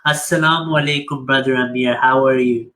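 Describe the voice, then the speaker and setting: Bright-voiced man hosting formally. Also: mid-range voice, steady tone, brisk. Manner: formal, with religious greetings. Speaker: host. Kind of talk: interview hosting.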